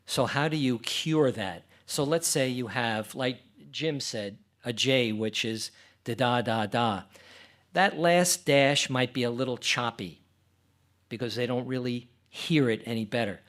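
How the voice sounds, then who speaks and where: A man giving a conference presentation for a club, talking in a relaxed, reassuring way and slowing down to demonstrate. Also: medium pitch.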